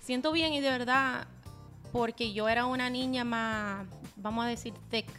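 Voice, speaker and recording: American woman, fairly high voice, animated storyteller mixing into spanish, faint music under it. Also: moderate pace. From United States. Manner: mixes English into non-native Spanish, animated storytelling. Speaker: guest. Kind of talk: casual interview chat.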